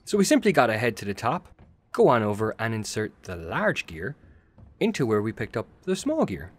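A man's voice: on the low side, huge pitch swings, normal speed, breathy edge. A man hosting a casual, chatty game walkthrough, talking the viewer through each step with a jokey edge. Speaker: gaming video host.

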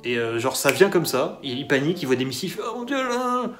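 A sarcastic male film reviewer talks fast in a mid-range voice, delivering a casual solo review in a loose, mocking style. A guitar track plays underneath him.

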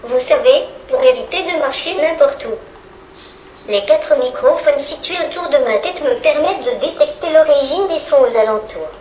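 A small humanoid robot introducing itself in a synthetic female text-to-speech voice, with an even, scripted delivery, heard from its own speaker on a stage. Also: high voice, moderate pace, slight background noise. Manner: evenly paced, flat scripted delivery. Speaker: demo robot presenting itself. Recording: echoey room, voice from far off.

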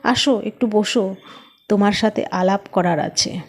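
A woman speaking as a reserved young husband in a spoken storybook. His lines come out calm and measured, close to the reader's own voice. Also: medium pitch, close to an everyday voice. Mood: guarded. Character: young husband, guarded and probing.

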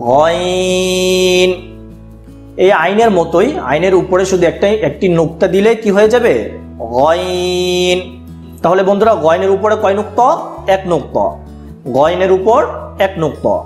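A man's voice: high-pitched, a little mellow. Patient man teaching children in an echoey room. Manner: slow, patient, repeats sounds for children to copy. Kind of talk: children's online lesson.

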